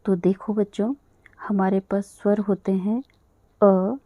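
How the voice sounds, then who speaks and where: A woman teaching a language lesson to children, patiently spelling out sounds slowly and repeating them. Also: medium pitch, level tone, no echo, narrow, tinny audio.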